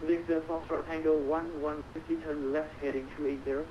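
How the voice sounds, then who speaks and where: Male air traffic controller, slightly high voice, procedural radio phrasing, dull lo-fi recording. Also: little pitch movement, a little fast. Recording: dull, lo-fi sound with faint noise.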